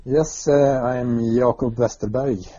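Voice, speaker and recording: A man's voice: mid-range voice, fairly even intonation, measured pace, warm tone, slightly rough. A man with a Swedish accent, a guest in a remote interview, talking hesitantly with many filler sounds. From Sweden. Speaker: guest, adventure racer. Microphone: video or internet call. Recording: muffled lo-fi call audio.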